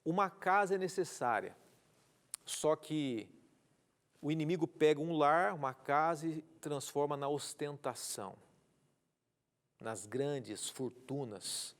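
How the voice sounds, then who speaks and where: A man with a Brazilian Portuguese accent, a pastor leading a Bible study on a TV program in a studio, speaks in a rather high, expressive voice, slowly and with long pauses. He is earnest, repeats key words, asks rhetorical questions, and reads out viewer messages along with their greetings.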